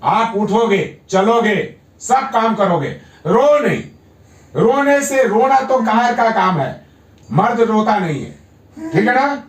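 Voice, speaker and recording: A man's voice: sits high, lively intonation, slow pace. A man working as a yoga therapist, firmly coaxing a patient at home and repeating his encouragement. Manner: firm, coaxing, repeats himself. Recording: echoey room, mic at a distance.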